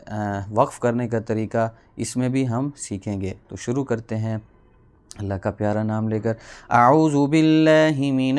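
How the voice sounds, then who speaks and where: A man teaching a Quran reading lesson, explaining rules quickly, then spelling out letters and drawing syllables out slowly. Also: fairly low pitch, a little mellow. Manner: fast explanations, then slow drawn-out syllables.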